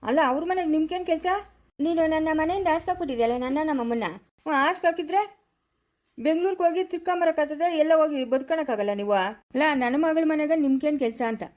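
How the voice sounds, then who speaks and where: A woman playing a stern old village father in a family comedy skit, scolding and taunting in rapid rural Kannada with a Chikkaballapura accent. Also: sits high, darkish tone, lightly acted.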